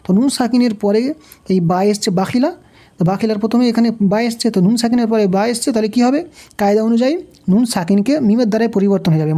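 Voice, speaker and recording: A woman's voice: on the high side, dark tone. A woman teaching Quran recitation rules step by step, patiently repeating syllables and asking questions as she explains. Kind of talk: step-by-step tajweed lesson.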